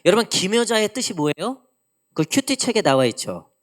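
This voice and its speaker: Animated woman preaching a sermon. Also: mid-range voice, normal speed. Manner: animated preaching, acts out God's teasing lines. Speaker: pastor. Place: church sanctuary.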